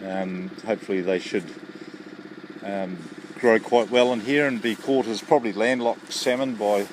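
A man's voice: lowish voice, normal speed, low-quality recording. A man with a New Zealand accent explaining his work informally in an outdoor interview. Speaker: fish hatchery worker. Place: outdoors by a lake. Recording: clear outdoor background noise.

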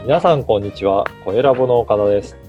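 A man hosting a podcast interview, asking questions briskly and nodding along with short replies. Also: fairly low pitch, expressive. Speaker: podcast host. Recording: dull lo-fi sound with faint music.

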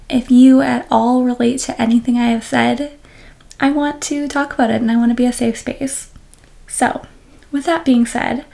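Candid woman podcast host, higher voice. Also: creaky. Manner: open and reflective, with soft laughs and restarts. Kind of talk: candid personal podcast talk.

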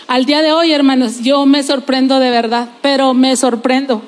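Woman pastor, very high voice, lively sermon, long church-hall reverb. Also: a little slow. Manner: lively preaching with testimony and playful asides.

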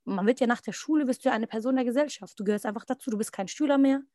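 A woman's voice: fairly high pitch, very fast, dry recording, clean studio sound. Young woman telling a story casually. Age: young adult. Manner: lively, quotes others in little acted asides. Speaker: podcast guest.

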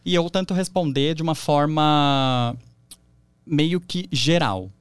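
A young adult man with a Brazilian Portuguese accent is a guest in a casual podcast interview chat, telling stories with lots of fillers and restarts. His voice is a little high, clear and resonant, and he speaks slowly. There's no echo.

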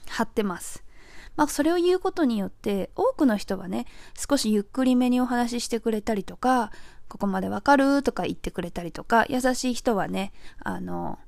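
A woman from Japan in her forties talks through her points alone in a casual audio show, chatty and friendly, with plenty of filler words. Her voice sits a little high. The sound is close and dry, with no room around it. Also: dry recording. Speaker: podcast host. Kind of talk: casual solo audio talk.

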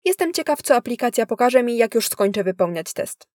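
A woman's voice: on the high side, big pitch swings, a little fast, darkish tone, no room sound, clean studio sound. A woman voicing a talkative middle-aged father who is hooked on phone apps, speaking eagerly. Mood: chatty.

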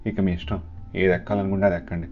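A man voicing a calm male bus driver who talks in a plain, matter-of-fact way. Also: deep voice, fast talker. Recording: slightly dull, soft guitar behind.

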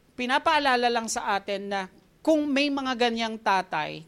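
This woman delivers a sermon in a mix of English and Tagalog, her Filipino accent clear, with animated anecdotes that often have her chuckling at her own expense. She speaks in a mid-range voice.

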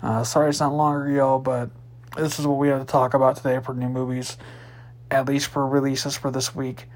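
A man's voice: mid-range voice, level tone, brisk. A man hosting a casual solo podcast, chatty and rambling as he runs through new movie releases. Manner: chatty, rambling, with fillers and restarts. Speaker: podcast host.

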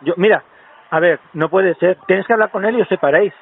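A man's voice: high voice, a little fast. A man playing a pompous, self-proclaimed world-famous doctor who talks theatrically and breaks into Italian crooning. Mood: indignant. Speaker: prank caller. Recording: tinny phone line with faint hiss.

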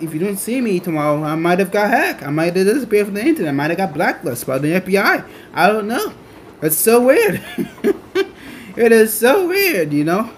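Rambling young man, faint noisy background. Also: fairly high pitch. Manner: rambling, many restarts and fillers. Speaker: podcast host. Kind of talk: rambling solo podcast. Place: on his way to a train station.

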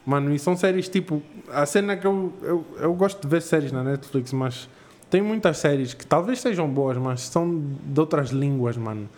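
A man's voice: fairly high pitch, moderate pace, few pauses, a little mellow. A young man co-hosting a podcast, chatting casually and slangily with friends. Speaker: podcast co-host.

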